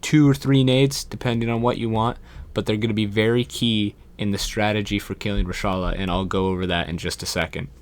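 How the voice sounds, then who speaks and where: Young male gaming host, low voice, chatty tutorial delivery. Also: steady tone, a little fast. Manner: chatty, calls viewers "boys". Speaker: gaming YouTuber. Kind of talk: casual gameplay tutorial.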